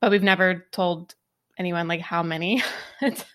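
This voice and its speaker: A woman co-hosting a casual podcast, relaxed and laughing through her stories. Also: fairly low pitch, measured pace. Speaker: podcast co-host.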